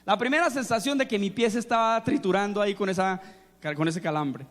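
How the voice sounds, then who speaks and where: A male preacher giving a sermon to young people, telling anecdotes in a lively way and asking the audience questions. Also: sits high, fairly quick. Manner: storytelling, animated, quizzes the audience. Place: church or seminar hall. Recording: echoey hall.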